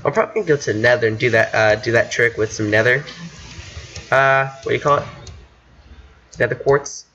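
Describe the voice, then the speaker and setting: A man's voice: medium pitch, fairly even intonation, fairly quick, pauses often, sharp tone. A man giving casual, rambling commentary to himself while playing a video game, now and then boasting. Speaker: gamer. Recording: dull lo-fi mic with faint hiss.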